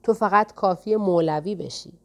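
A woman reading the part of a calm, soft-spoken older man, a gentle mystic, in an audiobook. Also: medium pitch, natural voice.

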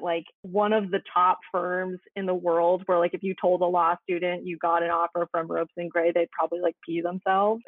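A woman's voice: mid-range voice, no echo. Sarcastic young woman over a tinny line. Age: 20s. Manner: sarcastic, chatty, lots of "like". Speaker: podcast co-host. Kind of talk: casual podcast chat.

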